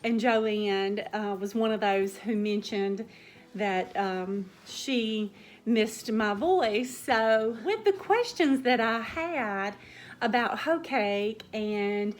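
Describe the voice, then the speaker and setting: Slow-talking Southern woman with a drawl. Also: medium pitch. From Southern United States. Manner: gentle, slow, warm storytelling drawl. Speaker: cooking channel host. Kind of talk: casual chat to viewers.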